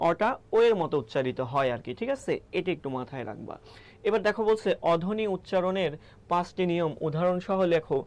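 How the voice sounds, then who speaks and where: Young male teacher with a high voice, running a live online class and checking in often with students. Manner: explanatory, asks rhetorical questions and checks in with "ঠিক আছে?".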